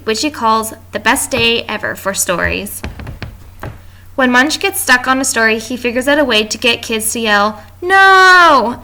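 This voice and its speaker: A woman's voice: on the high side, sharp tone. A woman reading a class presentation aloud from notes, with small stumbles and restarts. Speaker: student presenter.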